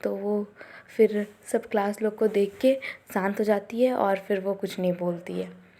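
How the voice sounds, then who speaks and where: A woman retelling a story in an unscripted, casual way, pausing often with hesitant fillers. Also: medium pitch, steady tone, warm tone. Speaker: drama recap narrator. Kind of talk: casual spoken plot retelling.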